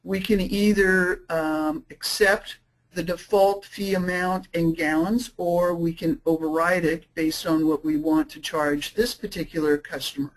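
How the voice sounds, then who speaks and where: A woman presenting a software webinar, explaining features casually with frequent fillers and restarts. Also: fairly low pitch, steady tone, rough recording. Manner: says she is talking too fast. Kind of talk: screen-share product demo.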